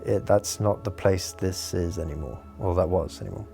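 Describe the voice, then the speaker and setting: A man's voice: low-pitched, normal speed, creaky, dark tone, soft background music. A man from Hong Kong, interviewed with his voice disguised, explaining things earnestly with frequent restarts. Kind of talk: explaining, measured interview talk.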